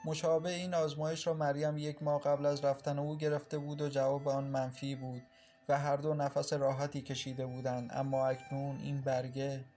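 A man narrating an audiobook in a measured, sorrowful reading. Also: medium pitch, little pitch movement, warm tone, faint music behind.

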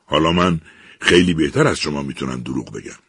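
A man voicing a cruel, lying talking machine, slow, heavy and harsh in its speech. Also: rumbling low, expressive, a bit bright, slightly rough, no echo, heavily acted. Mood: menacing.

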